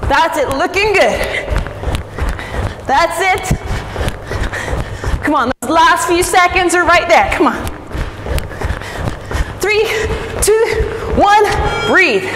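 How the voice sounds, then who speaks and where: A young woman coaching a workout as a fitness instructor, encouraging and breathy from exercise. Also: extremely high pitch, lively intonation, slow, long pauses. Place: large indoor studio with wooden floor. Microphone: distant camera. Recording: echoey hall from far off, noisy.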